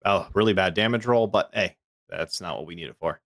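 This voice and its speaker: A man's voice: low voice, brisk, fairly bright tone, no echo, clean studio sound. A man playing in a tabletop game, describing his character's actions in an easygoing, upbeat way. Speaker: player. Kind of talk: casual tabletop play.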